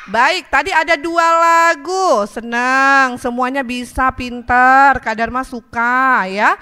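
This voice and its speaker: Bright, high-voiced woman cheering on kids. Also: takes it slowly, clear, resonant tone. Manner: cheerful, coaxing, talks to small children. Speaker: children's radio show host. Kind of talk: lively children's radio hosting. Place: radio studio with children present.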